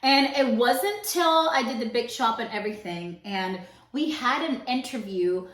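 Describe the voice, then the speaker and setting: Her voice sits on the high side, animated and a bit bright, with a roomy sound. This young Cuban podcast co-host shares a personal story in a candid vlog, chatting freely and alternating rapid bursts with slower, emphatic phrasing.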